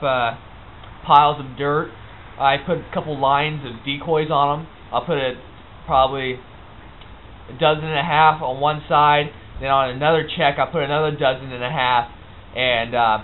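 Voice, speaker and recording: Man on muffled, lo-fi audio, explaining casually. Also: fairly high pitch. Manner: halting, informal, plain-spoken. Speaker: hunting instructor. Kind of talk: casual unscripted how-to explanation. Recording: muffled phone-like lo-fi audio, background noise.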